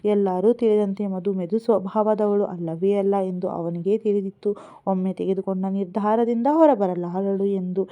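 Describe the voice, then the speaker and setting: A woman storyteller reads a romantic serial novel aloud in an earnest, expressive way. Her voice sits at a middle pitch. The sound is thin and tinny, like a phone line. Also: moderate pace.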